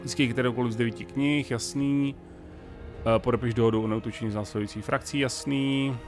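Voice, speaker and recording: A man's voice: mid-range voice, steady tone, soft background music. A Czech man casually commenting on a strategy game, thinking aloud and talking to the characters on screen. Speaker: gaming let's-player.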